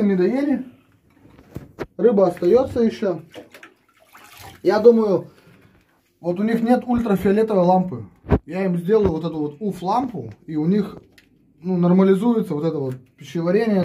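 A woman's voice: on the low side, normal speed, pauses often, warm tone, slight background noise. A woman chatting casually at home as a family vlogger, explaining what she does as she goes and often restarting her sentences. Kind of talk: casual home vlog narration.

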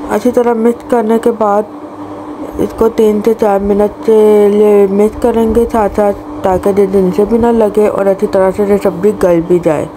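A woman's voice: mid-range voice, flat delivery, normal speed. A woman, hosting a cooking channel and talking through a recipe step by step, with small restarts. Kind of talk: recipe voice-over narration. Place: home kitchen. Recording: noisy home recording.

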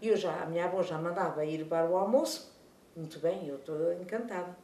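A woman's voice: lowish voice, a little fast, a little hiss or hum. An older woman with a European Portuguese accent, chattily telling a childhood story from her own life. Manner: lively, chatty, animated retelling with fond diminutives. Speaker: senior storyteller. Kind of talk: life story told aloud. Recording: echoey room, speaker far from mic.

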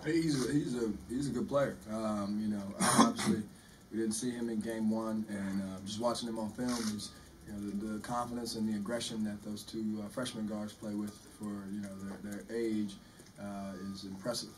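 A man in his forties, a head basketball coach, answering postgame press questions in a measured way and often repeating words while he thinks. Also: on the low side, fairly even intonation, darkish tone. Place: press room in front of a sponsor backdrop. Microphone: table microphone, recorded from the room. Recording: distant room mic with faint noise.

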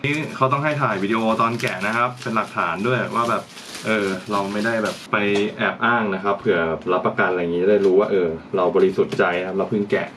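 Fast and hardly pausing, a low-voiced vlogger keeps a steady tone while casually unboxing and testing gear for his channel. He thinks aloud as he handles it, and the background is noisy.

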